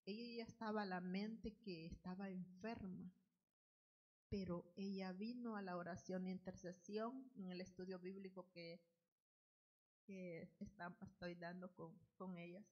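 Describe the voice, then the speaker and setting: A woman giving an earnest spoken testimony at the altar of a church, in unhurried, loosely strung phrases. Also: lowish voice, fairly even intonation, lo-fi sound. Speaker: church member giving testimony, Bible study leader.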